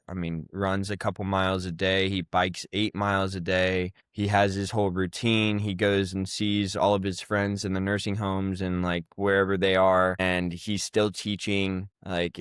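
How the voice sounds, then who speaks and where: A man's voice: low-pitched, smooth, no echo, studio quality. A young man in his twenties telling casual, rambling stories as a podcast co-host, with plenty of fillers. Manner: rambling storytelling with many fillers. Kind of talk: casual chat.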